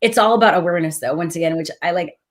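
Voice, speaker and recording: A woman with a fairly low voice chats in a casual, reflective way. She explains herself earnestly and with animation, as if in an easy conversation. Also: very fast. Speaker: talk host.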